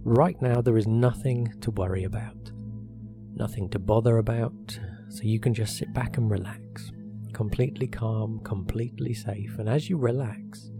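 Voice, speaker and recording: A man leading a guided hypnosis meditation as a relaxation therapist, speaking in a soothing, measured way with short phrases and pauses. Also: mid-range voice. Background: meditation music.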